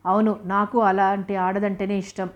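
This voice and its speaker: A woman's voice: medium pitch, flat delivery, normal speed, lo-fi sound, natural voice. Woman reader doing an irritable husband in an audiobook, scolding with scorn. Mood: scornful.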